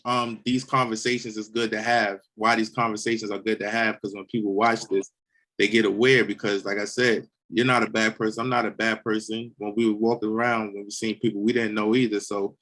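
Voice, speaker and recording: A young man hosting a casual interview, talking in a relaxed way with many restarts and repeated words. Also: on the low side, fairly quick. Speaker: host.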